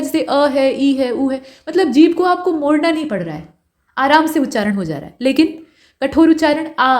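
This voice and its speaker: A woman teaching an online exam-prep grammar class, patiently explaining and slowly sounding out vowels and letters as examples. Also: high-pitched, a little mellow. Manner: explains patiently, checks understanding with "ठीक है".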